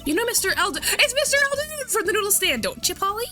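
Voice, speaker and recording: A woman voicing a cheerful teenage girl with a chirpy, sing-song delivery, pitched well above her own voice. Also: big pitch swings, quick pace, sharp tone, soft background music, exaggerated voice.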